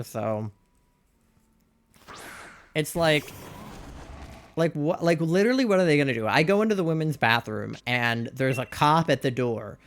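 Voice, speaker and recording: A young man chats candidly while live-streaming a game, rambling along with plenty of "like" fillers and exasperated rhetorical questions. His mid-range voice is a bit bright, and there's a little hiss or hum on the recording.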